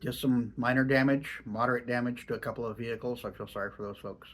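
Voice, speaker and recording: A man's voice: mid-range voice, steady tone, fast talker. Man, American accent, lip full of dip, slightly muffled, laid-back folksy rambling, casual review vlog. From Oregon, United States. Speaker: dipping tobacco review vlogger. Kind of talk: casual rambling chat to camera.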